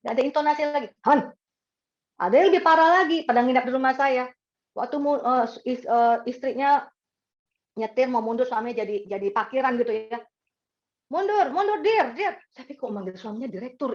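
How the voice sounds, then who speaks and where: Animated woman pastor preaching, lo-fi. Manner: animated, acts out quoted voices with sharp pitch jumps; chatty, asks the congregation for agreement. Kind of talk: sermon. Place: church service. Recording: dull lo-fi recording.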